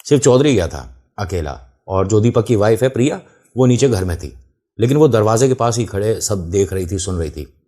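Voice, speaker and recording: A man narrates a first-person horror story in a relaxed, conversational way. His voice is low and dark with a husky grain. He addresses the listener directly and walks through where everything was. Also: moderate pace.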